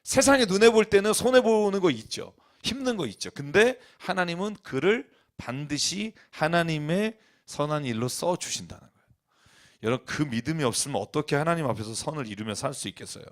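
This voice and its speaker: Preaching in a church, this pastor speaks a little fast and expressively in a blunt, colloquial style. He swings from loud, emphatic peaks to quiet, low asides.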